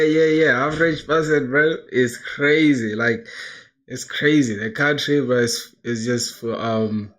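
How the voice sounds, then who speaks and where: A man in his twenties from South Sudan, chatting casually on a coding live stream, dropping "bro" into nearly every line and reading chat aloud. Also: medium pitch. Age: 20s. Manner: slangy, says "bro" constantly, laughs, reads chat aloud. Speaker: livestreamer coding toward a job.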